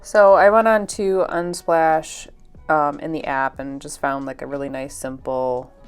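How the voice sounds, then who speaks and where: A young art vlogger with a congested, stuffed-up voice rambles casually as a voice-over while painting, full of fillers and little laughs. Her voice sits low and steady, a little slow and clean, with soft music in the background.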